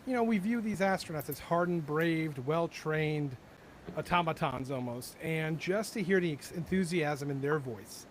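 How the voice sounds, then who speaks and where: A man's voice: on the high side, moderate pace, a little hiss or hum. Chatty, upbeat male livestream host. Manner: enthusiastic, chatty, many fillers and restarts. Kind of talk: casual panel chat.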